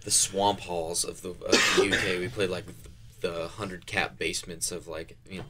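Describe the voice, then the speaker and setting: A man's voice: deep voice, level tone, moderate pace, heavy background noise. A young man, a band member guest on a radio interview, talking casually and rambling with lots of filler words.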